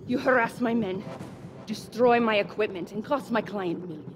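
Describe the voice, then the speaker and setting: A woman's voice: mid-range voice, normal speed, natural voice. An actress playing a stern, threatening female mercenary commander in a video game, speaking in a curt, commanding way. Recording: noisy game ambience behind.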